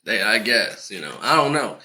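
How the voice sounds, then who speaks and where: A man's voice: fairly low pitch, sing-song, normal speed, pushed and bright. A man co-hosting a casual comedy podcast, joking crudely and laughing often. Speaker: podcast co-host.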